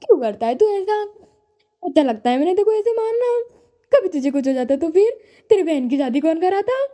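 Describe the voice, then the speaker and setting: A frantic mother fusses and frets in a shrill, high voice, as a young woman puts her on. The tone stays mellow and soft-edged under the worry. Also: sing-song, brisk. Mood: tearful scolding. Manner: anxious, fussing, high-pitched. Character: worried fussy Indian mother, middle-aged woman.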